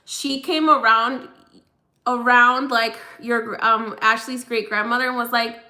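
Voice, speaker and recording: Young woman medium, higher voice, bright and forceful tone, chatty and laughing as she passes on spirit messages. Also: fairly even intonation, unhurried. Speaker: psychic medium. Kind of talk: live mediumship reading, casual.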